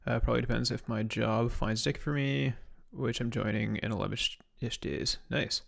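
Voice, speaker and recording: Young canadian dude muttering thru a stream, bit gravelly, mid pitch, chill. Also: male voice, fairly even intonation, moderate pace, a bit bright. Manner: casual, muttering to himself, reading chat questions. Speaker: streamer reverse engineering malware. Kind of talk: live-stream thinking aloud.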